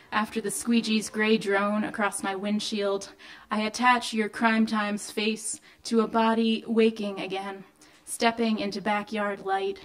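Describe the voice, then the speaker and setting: A woman poet reading her own poems to a live audience indoors, measured and deliberate, with loose, um-filled asides between poems. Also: medium pitch. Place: indoor venue of a reading series.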